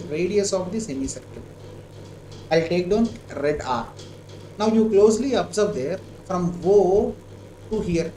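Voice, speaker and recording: A high-voiced man with an Indian accent teaches maths live online, talking through each step of a problem. He often repeats himself and checks that learners follow. The sound is echoey, with clear noise behind him. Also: mellow. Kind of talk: live online lesson, working a problem aloud.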